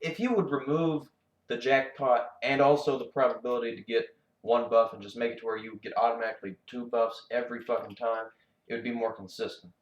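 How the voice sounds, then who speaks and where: A man ranting about a video game, angry and sarcastic, swearing a lot and jumping up in pitch when exasperated. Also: steady tone, brisk, poor audio. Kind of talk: profane gaming rant.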